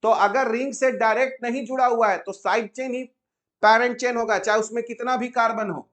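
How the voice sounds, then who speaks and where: A man's voice: very high voice, steady tone, fairly bright tone. A man teaching chemistry step by step, often stopping to check that students follow. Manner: asks students frequent check questions; slows down to spell out names.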